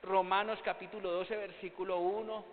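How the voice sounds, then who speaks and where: A high-pitched man preaches to his congregation. His voice rings with a long reverb, and the sound is thin and phone-like. He keeps asking rhetorical questions and answering them himself. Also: little pitch movement, moderate pace, slight background noise. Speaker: pastor. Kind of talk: sermon.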